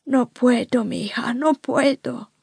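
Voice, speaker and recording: A woman voicing a frail old grandfather weakened by a stroke, pleading urgently in a halting, breathy way for an audiobook. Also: a little high, steady tone, a little mellow, dry recording, pitched above the performer's own voice, full character voice. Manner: slow pleading warnings. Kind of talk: audiobook character voice. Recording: dry close studio mic.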